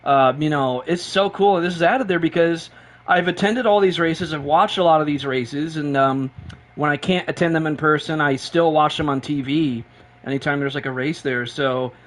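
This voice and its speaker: A man with a high voice streams a racing game live and talks with bubbling excitement. He rambles and says the same things twice, running on little sleep and plenty of caffeine. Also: normal speed. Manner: excitable, rambling, repeats himself.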